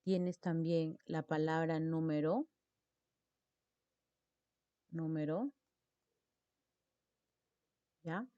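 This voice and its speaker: A woman's voice: lowish voice, measured pace, warm tone, no room sound, muffled recording. A woman teacher explains mark rules, repeating example words and checking in with her students. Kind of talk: spelling lesson on accent marks.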